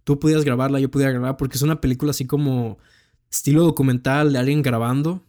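A man's voice: medium pitch, steady tone, fast talker, mellow. A young man with a Mexican accent, chatting casually about films with plenty of slang and swearing. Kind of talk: casual film chat.

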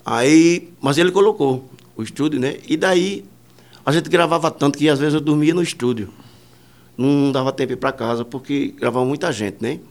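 A man's voice: a little high, normal speed. A man, a musician and producer, telling rambling anecdotes in a casual interview, full of fillers and quoted dialogue.

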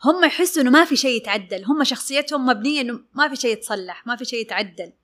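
A woman, a fashion designer giving a lively interview and acting out her clients' words. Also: high-pitched, racing. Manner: animated, acts out clients' words. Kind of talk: casual interview talk.

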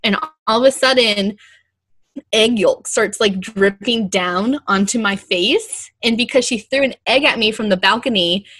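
A woman's voice: medium pitch, unhurried, a bit bright, husky, no room sound. A young woman co-hosting a podcast, telling stories in casual chat with lots of laughter and fillers. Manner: laughs often, filler-heavy storytelling. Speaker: podcast co-host.

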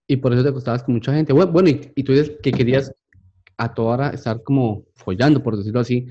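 Dark-voiced joking host. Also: male voice, medium pitch, fast talker. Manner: joking, teasing interjections. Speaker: podcast host. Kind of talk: casual interview chat. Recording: dull lo-fi sound.

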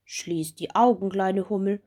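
Gentle, firm spider doctor, read by a woman; unhurried, breathy storybook voice. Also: mid-range voice, fairly even intonation, natural voice. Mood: kindly. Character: kind calm old spider doctor.

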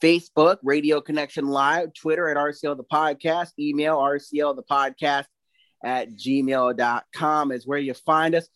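A man's voice: on the high side, fairly even intonation, moderate pace, fairly bright tone, dry recording. A man hosting a podcast from a studio, in an upbeat, loose, chatty way. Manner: upbeat, loose, laughs easily. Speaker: host. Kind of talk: casual podcast chat.

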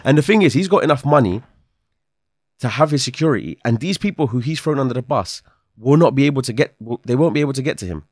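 A man's voice: mid-range voice, animated, fast, darkish tone, dry recording, clean studio sound. A young man with a London roadman accent and slang, arguing insistently in a casual debate.

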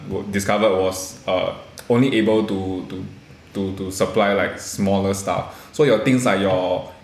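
The voice is a man's, fairly low, with a Singaporean accent and the particles and clipped grammar of Singlish. He talks casually as a young podcast co-host. The recording is noticeably roomy and echoey. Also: steady tone, unhurried, slight background noise.

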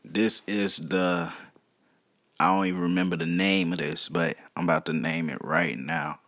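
A man with a deep voice hosts a casual solo podcast. He rambles at a slow pace, full of slang and swearing. The recording is dry, with little room sound. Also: pushed and bright, no room sound. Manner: foul-mouthed, slangy, rambling. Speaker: podcast host.

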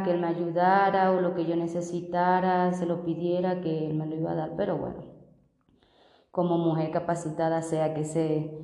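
Low, flat-voiced Venezuelan woman in her thirties. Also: echoey room, long reverb tail. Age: 30s. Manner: hesitant, halting, many fillers. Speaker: street vendor giving testimony. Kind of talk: personal testimony.

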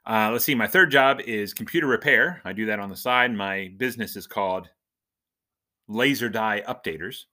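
Bright and punchy despite a fairly low voice, this man hosts a podcast at a moderate pace, riffing in a nerdy, jokey way. He is an adult husband and father, a church minister, and a self-described nerd giving a casual, humorous monologue.

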